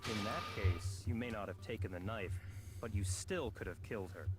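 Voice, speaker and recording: A man playing a stern male student in a video game, making deliberate accusations at a trial. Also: on the low side, breathy edge, soft background music. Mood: accusing. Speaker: game character voice.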